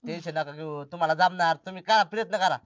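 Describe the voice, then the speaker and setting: A reassuring village helper, played by a man coaches. His voice is slightly high, and the sound is dry and somewhat dull. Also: fast talker, a bit bright, no room sound, close to an everyday voice. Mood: coaching.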